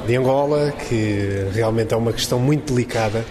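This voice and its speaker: A man's voice: medium pitch, a little fast. A man, giving an explanatory interview answer as an academic. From Portugal. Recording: noisy crowd and street background.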